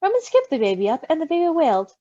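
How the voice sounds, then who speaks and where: Reading fan fiction aloud with lots of expression, a woman speaks in a high voice at a very fast clip, breaking off for gushing, casual asides and giggly reactions. The recording is dry, close, dull, and lo-fi.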